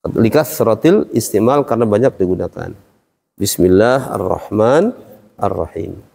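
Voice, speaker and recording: A man's voice: mid-range voice, lively intonation, unhurried, darkish tone. A man teaching a class, explaining step by step and quizzing his students. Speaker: Quran recitation teacher. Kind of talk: classroom lesson. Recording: long reverb hall.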